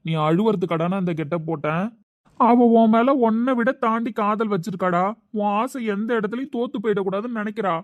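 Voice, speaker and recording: Casting: a man as an earnest young male friend, dry close sound, slightly high voice. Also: fairly quick, no room sound, natural voice. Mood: pleading. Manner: coaxing, earnest.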